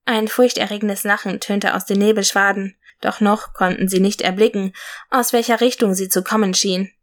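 Woman reading a fantasy story out loud, steady and even, normal pitch. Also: moderate pace. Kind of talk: read-aloud fairy tale narration.

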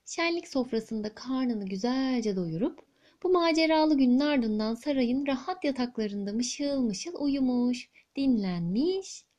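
Woman storyteller, expressive fairy tale narration, warm and high. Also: a little slow. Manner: expressive, lilting read-aloud delivery.

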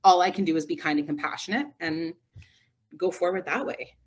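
A woman's voice: lowish voice, brisk, slightly rough. A woman in her thirties, a radio morning show host, talking in a casual interview and telling stories with acted-out quotes. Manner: animated storytelling, acts out quoted voices.

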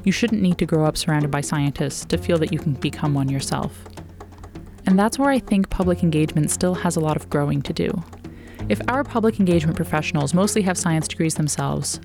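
Lowish American woman narrating over music. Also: a little mellow. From northern New Mexico, United States. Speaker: podcast host. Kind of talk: scripted podcast narration.

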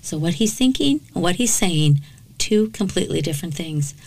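A woman's voice: fairly low pitch, lively intonation, normal speed, darkish tone, low-quality recording. A woman hosting a true crime podcast, telling a case dramatically and breaking off for blunt, sarcastic comments. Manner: dramatic narration broken by sarcastic, blunt asides.

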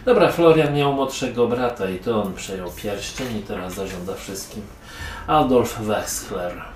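A man's voice: on the low side, animated, a little slow. A man running a tabletop role-playing game as game master, casual and joking. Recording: echoey room, mic far off, music behind.

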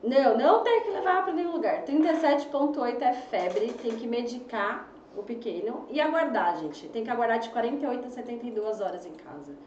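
Woman, Brazilian accent, pediatrician, lively, mimics parents, echoey room, dull sound. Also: fairly high pitch, a little fast, hardly any pauses, a little hiss or hum. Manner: animated, acts out anxious parents with sighing voices. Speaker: pediatrician guest. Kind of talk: casual interview chat. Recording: roomy, distant, muffled recording.

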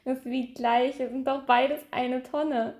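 A woman's voice: sits high, steady tone, takes it slowly, a little mellow. A giggly, teasing woman asking quiz questions in a casual chat between friends. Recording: roomy, echoey indoor sound.

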